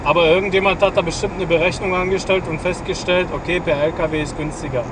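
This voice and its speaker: A man driving on the highway, chatting casually over CB radio with frequent hesitations. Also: fairly even intonation, fast talker. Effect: heard over CB radio. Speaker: driver on the highway. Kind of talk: casual chat. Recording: distant CB radio voice with heavy road noise.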